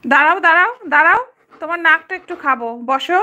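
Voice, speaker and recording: A woman's voice: very high voice, fast talker, sharp tone. A woman talking playfully to her pet dog, coaxing it with short repeated commands. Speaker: dog owner.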